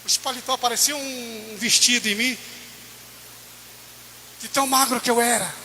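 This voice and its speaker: Male preacher, very high voice, sharp bright tone, impassioned church testimony, faint background hiss. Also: steady tone, moderate pace. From Brazil. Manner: impassioned, rising to near-shouted peaks. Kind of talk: sermon testimony.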